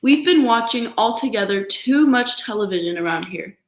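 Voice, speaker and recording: A woman's voice: fairly high pitch, animated, moderate pace, reverberant, natural voice. A woman voicing a firm, matter-of-fact mother bear for a storybook.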